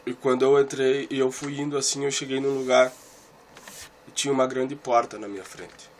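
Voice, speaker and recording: A man tells a listener about a vision in a heartfelt religious testimony. His voice sits at an ordinary middle pitch, and he circles back over his own phrases as he speaks. A faint background hiss runs under the recording. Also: little pitch movement, moderate pace. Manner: earnest and emotional, with repeated phrases; talks straight to one listener.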